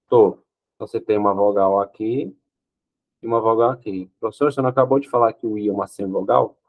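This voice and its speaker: Husky male teacher, patient step-by-step lesson. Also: lowish voice, quick pace, phone-quality sound. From Brazil. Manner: explains step by step, often checks with "ok?" and answers his own questions. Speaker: Portuguese teacher. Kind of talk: exam-prep grammar lesson.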